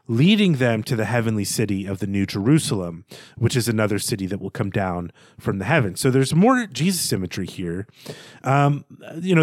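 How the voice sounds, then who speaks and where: A male podcast host with a mid-range, darkish voice offers a conversational monologue of literary analysis, reading out quoted passages. He comes across as thoughtful and articulate, though he sometimes stammers and repeats himself. The sound is clean studio audio with no echo.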